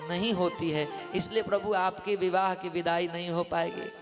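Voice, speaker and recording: A man's voice: sits high, flat delivery, moderate pace, pitched below the performer's own voice. A man voicing the teasing women of Mithila in a sung-story sermon, with a playful, coaxing manner. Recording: live katha with music behind.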